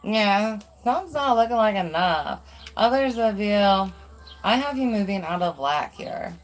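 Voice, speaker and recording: A woman's voice: mid-range voice, lively intonation, measured pace, faint music behind. Casual, swearing woman tarot reader. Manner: chatty, swears freely, many fillers like "um" and "like". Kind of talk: casual live tarot reading.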